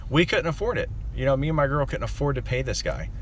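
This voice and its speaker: A mid-range, somewhat bright voice delivers a brisk, sing-song rant as a young landscaping business owner vents on camera. He rambles with many fillers and sounds aggrieved, and there's slight background noise.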